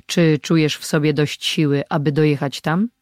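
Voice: medium pitch, steady tone, normal speed, a little mellow, dry recording, studio quality, natural voice. An audiobook reader voicing an old male healer and sorcerer living in the mountains, who speaks in a commanding, authoritative way. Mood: earnest.

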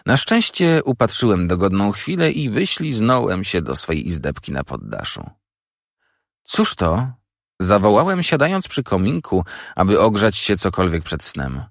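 Gravelly, low male storyteller. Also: no echo, clean studio sound. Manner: dramatic, animated reading. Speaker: audiobook reader. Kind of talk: expressive literary narration.

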